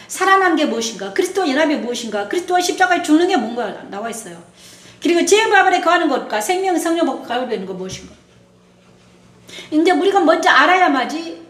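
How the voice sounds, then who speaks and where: A woman pastor preaching a sermon, often turning to her listeners for agreement. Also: high-pitched. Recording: echoey room.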